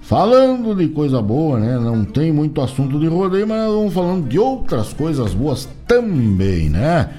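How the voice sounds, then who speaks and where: Male radio host, gaúcho Brazilian accent, mellow tone, folksy ringmaster showmanship, music bed. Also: on the high side, very animated. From southern Brazil, from São Borja. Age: late 30s or older. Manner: ringmaster-like showy greetings with drawn-out words. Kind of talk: folksy live radio hosting. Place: radio studio.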